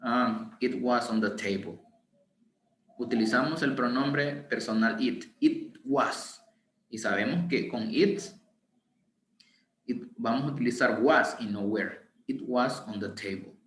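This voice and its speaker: A man teaching an online English lesson in Spanish, reading English examples slowly and explaining them patiently. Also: mid-range voice, fairly bright tone. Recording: roomy echo with faint ambience.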